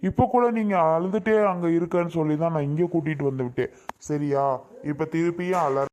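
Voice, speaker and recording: A man with a slightly raised pitch speaks in an amateur family drama. He talks bluntly, scolding yet reassuring. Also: fairly quick, a little mellow.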